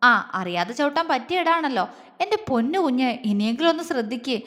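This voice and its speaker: A woman's voice: high-pitched, animated, brisk. Woman voicing a teasing tender young husband. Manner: soft coaxing, teasing. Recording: long reverb.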